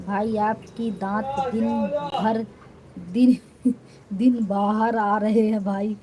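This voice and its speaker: A woman's voice: medium pitch, fairly even intonation, takes it slowly, crowd noise, rough recording. A young woman hosting a casual live stream on her phone, reading comments aloud and teasing her viewers playfully. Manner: teasing, playful, laughing often.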